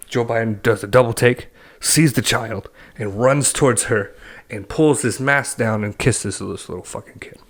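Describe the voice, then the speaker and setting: A young man co-hosting a podcast, ranting bluntly and swearing a lot in casual chat. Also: on the low side. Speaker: podcast co-host.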